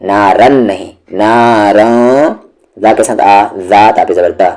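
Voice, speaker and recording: A man's voice: fairly low pitch, steady tone, darkish tone. A man teaching Quran recitation, patiently sounding out syllables one at a time and drawing them out. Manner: patient, drawn-out syllable drills. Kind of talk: slow step-by-step tajweed lesson.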